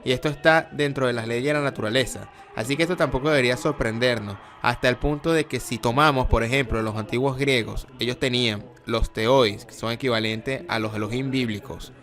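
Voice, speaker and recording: A man's voice: mid-range voice, fairly even intonation, brisk, few pauses, a bit bright, soft background music. A man giving a lecture, explaining terms step by step and often correcting himself mid-sentence.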